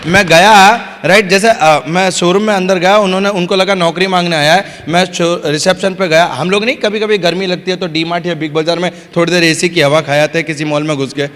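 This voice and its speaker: Energetic man telling stories in a hall. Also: high-pitched, a little fast, few pauses. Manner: energetic, repeatedly asks the crowd "yes or no"; storytelling with acted-out dialogue and humor. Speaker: motivational business trainer. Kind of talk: motivational seminar talk to a live audience. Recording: hall reverb.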